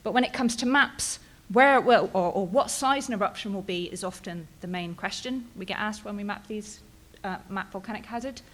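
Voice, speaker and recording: Medium in pitch, a little fast and with few pauses, a British woman in her thirties presents her research at a conference. She's from Bristol, England, and her chatty, informal style leans on ums and "right?" tags.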